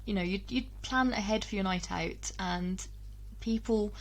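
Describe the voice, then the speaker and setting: In a rough recording, a young English woman vlogs casually to her camera, her mid-pitched voice relaxed and personal. She's chatty, often hesitating with ums, doubling back, and laughing as she goes.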